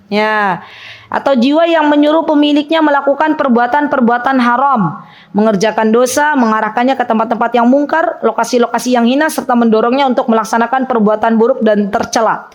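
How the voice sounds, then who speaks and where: A woman's voice: fairly high pitch, a little fast, lo-fi sound. A woman giving a conversational religious lecture to a women's study circle, chatty, asking her listeners questions and acting out their regrets. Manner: chatty, asks the audience questions, acts out quoted laments. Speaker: Islamic teacher leading a women's study circle.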